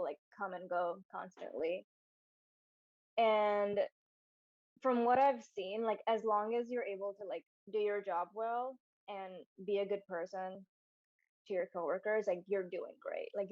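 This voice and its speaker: A woman's voice: mid-range voice, darkish tone, no room sound. A young woman storyboard artist answering interview questions candidly, with many "like" fillers, over a video call. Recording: dull dry sound.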